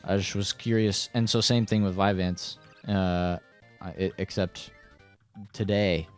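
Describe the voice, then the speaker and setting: A young man in casual conversation with a fairly low voice, rambling through stories with crude jokes and restarts. Faint music plays underneath. He talks loosely as a co-host with a friend. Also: steady tone, unhurried, smooth. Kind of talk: casual chat.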